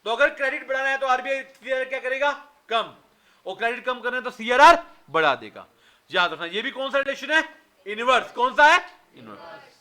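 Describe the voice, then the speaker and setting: A man's voice: very high voice, animated, normal speed, sharp tone. A man in his thirties teaching an exam revision lecture, firing questions at his students and answering them himself, with Indian-accented English words.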